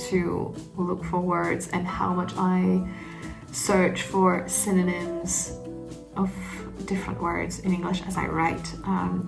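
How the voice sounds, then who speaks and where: A native French speaker, this woman vlogs about writing, talking casually and reflectively while hesitating as she searches for words. Her mid-range voice is gravelly, and the recording quality is low.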